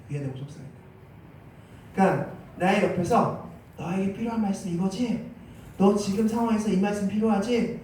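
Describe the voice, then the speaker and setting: A man's voice: high voice, darkish tone. A man preaching a Sunday sermon as pastor, emphatic, his voice rising when he voices scripture. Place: church sanctuary. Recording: very echoey church hall, mic at a distance.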